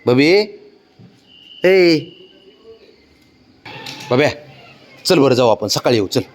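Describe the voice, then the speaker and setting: A man coaxing and pleading with his pet cat in a casual, affectionate pet-talk voice, his calls often rising high and sing-song, recorded outdoors. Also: expressive, slow, a little hiss or hum. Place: outdoors below his home.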